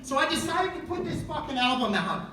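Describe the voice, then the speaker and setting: A man's voice: extremely high pitch, sing-song, fairly quick, background noise. Male singer, spoken story between songs; raw, profane; roomy distant live sound. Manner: raw, profane, swings from hushed to shouting. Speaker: singer telling his story on stage. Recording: echoey live venue from far off, loud crowd.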